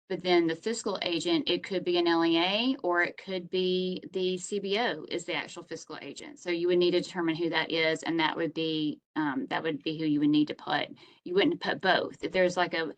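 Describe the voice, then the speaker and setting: A woman's voice: on the low side, rough recording. A woman hosting online office hours, explaining grant application rules over a video call in a conversational, step-by-step way.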